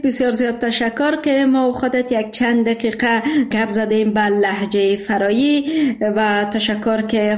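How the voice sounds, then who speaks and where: A woman's voice: on the high side, roomy sound. A woman hosting a call-in radio show, chatting cheerfully with a caller and laughing often. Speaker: radio host.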